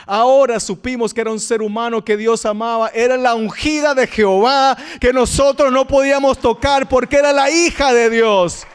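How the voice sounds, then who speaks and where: A pastor in his thirties, his voice extremely high yet clear and resonant, preaches at a normal speed with barely any pauses. He is an animated storyteller, sharing personal anecdotes and acting out the people he quotes.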